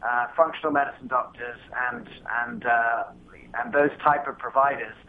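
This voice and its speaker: A man's voice: medium pitch, moderate pace. A man in his thirties from England talks through a thin, phone-like line, and a faint hiss sits under his voice. He speaks as a guest in a casual interview. His talk is hesitant and full of fillers and restarts.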